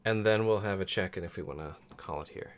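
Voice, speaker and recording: A man's voice: low-pitched, quick pace, clear, resonant tone. A man talking casually as game master of a tabletop role-playing game, chatting and narrating.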